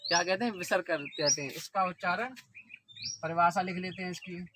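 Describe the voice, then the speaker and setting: A man with a high voice teaches an exam-prep lesson, going step by step and often quizzing his viewers. Steady noise sits under his voice throughout the recording. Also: a little fast.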